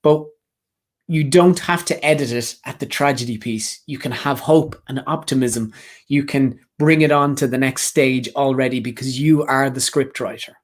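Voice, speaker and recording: Male career coach, mid pitch, earnest and direct, repeats key phrases, motivational live talk. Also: moderate pace. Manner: earnest, repetitive, speaks directly to the audience.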